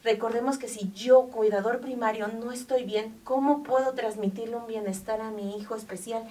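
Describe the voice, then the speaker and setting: A woman's voice: on the high side, fairly even intonation, moderate pace, mellow. Earnest woman, distant mic. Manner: heartfelt, emphatic, many fillers. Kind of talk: earnest interview talk.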